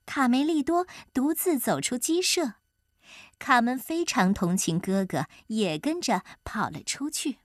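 A woman narrating a children's story in an expressive, animated way. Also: a little high, a little slow, no room sound, studio quality.

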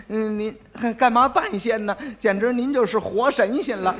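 A man's voice: very high voice, moderate pace, a bit bright. A man voicing a frightened male chief steward who stammers and begs for mercy in a comic storytelling act. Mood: pleading. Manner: stammering, pleading.

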